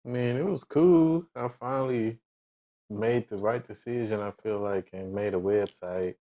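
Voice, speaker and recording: A man with a very low voice and co-hosts a podcast in easygoing chat. He talks in a laid-back way, teases his co-host and stretches words for effect. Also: mellow. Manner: laid-back, playful teasing, drawn-out words. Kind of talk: casual chat.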